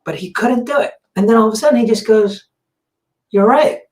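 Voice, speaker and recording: A podcast host telling a story in a casual chat, acting out the other people's words with lively energy. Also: mid-range voice, fast. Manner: animated, acts out quoted dialogue. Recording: roomy, distant mic.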